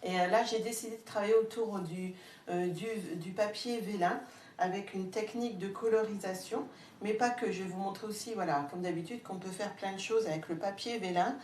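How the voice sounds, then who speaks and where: A woman's voice: mid-range voice, brisk, a little mellow. A woman with a Haute-Marne French accent hosting a casual live crafting demo, chatting with viewers and hesitating often with fillers. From France. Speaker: craft live-stream host. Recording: roomy, distant, faint background hum.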